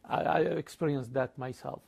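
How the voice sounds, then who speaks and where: A man hosting an interview, asking earnest, measured questions. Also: mid-range voice, steady tone, creaky, a little mellow. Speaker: interviewer host.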